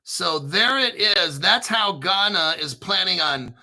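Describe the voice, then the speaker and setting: A man hosting an informal crypto commentary, talking through articles in an excitable, sarcastic way, swearing and often clearing his throat. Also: sits high, slow pace, low-quality recording. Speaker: crypto video host.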